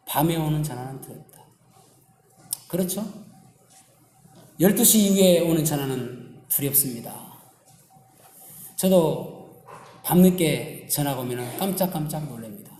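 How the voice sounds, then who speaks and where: A man preaching a Sunday sermon as pastor, mixing stories and scripture in an animated style, in an echoey church hall. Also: on the high side, slight background noise.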